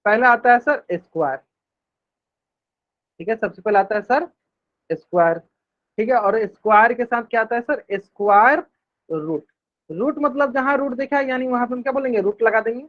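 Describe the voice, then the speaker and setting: A man teaching a live online math class, repeating each question to the students and answering it himself, drawing out English math terms slowly. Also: very high voice. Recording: dull lo-fi stream audio.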